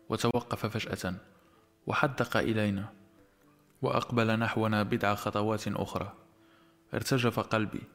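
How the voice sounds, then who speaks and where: Low-voiced male audiobook narrator.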